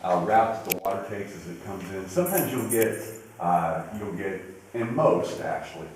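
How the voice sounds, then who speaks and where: Male tour guide, informal and explanatory, expressive intonation, heavy cave echo, slightly distant with faint noise. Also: low voice, normal speed. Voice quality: voice echoing in a cave. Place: inside a limestone cave.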